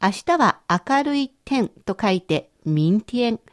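A woman teaches a radio language lesson in a bright, high voice that rises and falls a lot. She explains each point patiently and clearly. Her tone is friendly and instructive. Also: lively intonation, slow.

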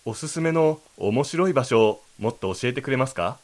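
A man's voice: mid-range voice, lively intonation, moderate pace. A man co-hosting a language lesson, explaining and rephrasing lines in a polite, explanatory manner. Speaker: co-host.

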